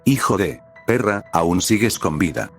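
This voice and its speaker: A man's voice: low voice, animated, unhurried, faint music behind. A man reading the crude, slangy lines of a hot-tempered young male soldier in a fan-made story. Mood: angry.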